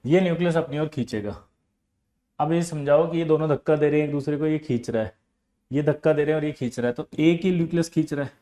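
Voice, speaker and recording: A male chemistry tutor, lecturing his class in a high, animated voice. He teases and scolds students between explanations. He drives points home with repeated, everyday examples. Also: fast talker. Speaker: chemistry coaching teacher.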